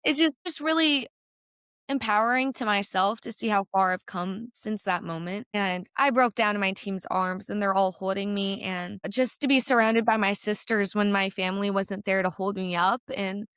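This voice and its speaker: A woman's voice: medium pitch, moderate pace, fairly bright tone, clear, resonant tone, no echo, studio quality. Earnest young American woman telling her story. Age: young adult. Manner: tearful, earnest storytelling with laughs. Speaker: guest, college gymnast. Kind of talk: emotional personal story in a podcast interview.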